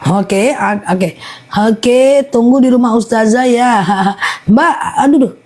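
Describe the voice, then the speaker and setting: A woman hosts a live-stream sales pitch for honey, chatty and repetitive, rattling off long lists and checking in with viewers. She speaks slowly, with a darkish tone.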